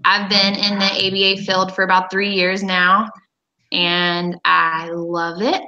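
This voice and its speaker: A woman in her twenties introducing herself as a student in an unhurried, plain way on a video call. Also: mid-range voice, level tone, pushed and bright, muffled recording. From United States. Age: 20s. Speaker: student presenter. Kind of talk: self-introduction.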